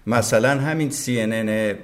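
A man, a veteran broadcaster, talking as a podcast guest in casual conversation, emphatic and opinionated, often acting out what others said. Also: mid-range voice. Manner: emphatic, opinionated, acts out quoted speech.

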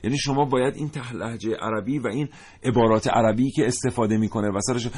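A man's voice: medium pitch, a little mellow, slightly rough. A man co-hosting a studio discussion, talking in an emphatic, lecturing way. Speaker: co-host.

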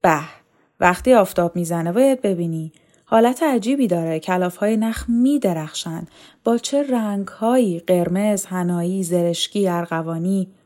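A woman playing a proud, gentle tailor man. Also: fairly low pitch, close to an everyday voice. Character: humble male tailor, proud of his craft.

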